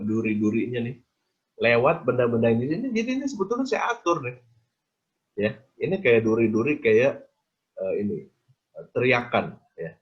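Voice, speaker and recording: A man's voice: mid-range voice, lo-fi sound. A man giving an interactive design lecture on a video call, quizzing his audience with casual tag questions.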